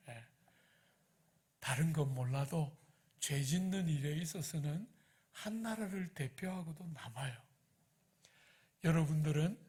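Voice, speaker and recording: A man giving a sermon as pastor of a church, animated and addressing the congregation directly with questions. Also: fairly high pitch, husky.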